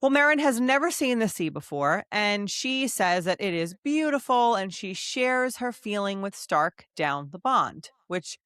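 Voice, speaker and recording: A woman co-hosting a podcast swings her pitch widely as she chats and reads passages aloud. Her voice sits mid-range and the recording is dry and close. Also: measured pace, hardly any pauses, clean tone, no echo. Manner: animated, gasps and laughs, reads quotes aloud. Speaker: podcast co-host. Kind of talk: casual book club chat.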